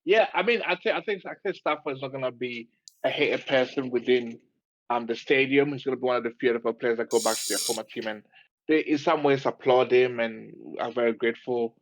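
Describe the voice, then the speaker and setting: A man co-hosts a football podcast in a relaxed, lightly teasing voice. His pitch is average, and the recording sounds slightly dull and lo-fi. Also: a little fast. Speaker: podcast co-host. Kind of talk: casual sports chat.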